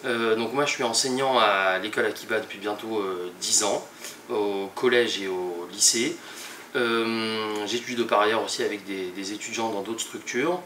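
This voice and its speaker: A young man with a lowish voice presents a project, halting and restarting as he goes. He sounds some distance from the mic, in a room with a noticeable echo, with faint ambience behind him. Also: steady tone, bright, forceful tone, slight background noise. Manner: many fillers and restarts, halting. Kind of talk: hesitant spoken presentation.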